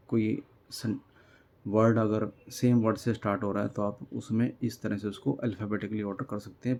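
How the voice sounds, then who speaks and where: Slow, patient male teacher with mellow voice. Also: on the low side. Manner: slow, patient explaining, spells out letters one by one; reads English text aloud slowly, then translates it. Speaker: English teacher. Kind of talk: classroom lesson explaining workbook exercises.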